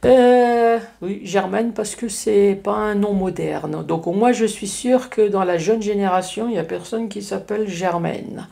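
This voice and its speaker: A woman's voice: fairly low pitch, vocal fry, dark tone, echoey room. A woman with an Alsatian accent giving a casual tarot reading, chatty and joking, with frequent tag words. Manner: chatty, joking asides, frequent "hein" tags. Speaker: card reader.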